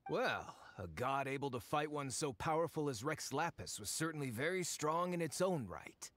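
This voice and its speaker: An actor playing a greedy, self-important fake archaeologist in an anime game, pompous, hedging and excitable. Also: male voice, a little high, normal speed, slight background noise. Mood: eager, covering up. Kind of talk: anime video game voice acting.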